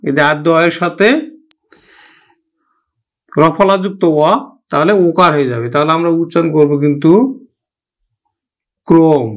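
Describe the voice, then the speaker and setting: A man teaching a pronunciation lesson, drawing words out syllable by syllable and repeating them. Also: a little high. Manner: slow, drawn-out syllable-by-syllable modelling, repeating words. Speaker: language teacher. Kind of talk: slow classroom pronunciation lesson.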